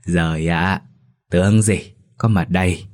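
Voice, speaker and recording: A man voicing a gentle elderly grandmother, a grieving widow, who speaks softly and tenderly in an audio story. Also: low voice, steady tone, unhurried. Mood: wry.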